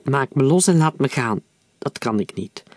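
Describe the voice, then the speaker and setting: A man reading aloud, voicing a hoarse, gruff prisoner who speaks in commands. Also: medium pitch, expressive, moderate pace, a little mellow, no room sound, lightly acted.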